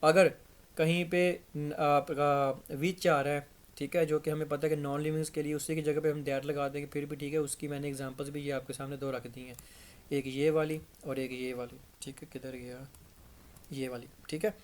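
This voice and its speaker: A man's voice: on the high side, flat delivery, moderate pace. A man teaching English grammar in a classroom-style lesson, explaining patiently and repeating words to drill pronunciation.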